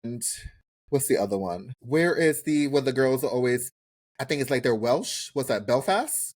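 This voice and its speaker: A podcast co-host recaps a TV show in casual chat, speaking slangily and emphatically with free swearing and repeated phrases. His voice is medium-pitched, expressive and a little mellow, at a normal speed.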